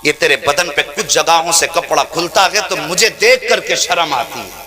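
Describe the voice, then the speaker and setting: A man's voice: on the high side, crowd noise, close to an everyday voice. A preacher voicing a pleading orphan boy. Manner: tearful pleading. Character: poor orphan boy pleading for his widowed mother. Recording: clear music behind the voice.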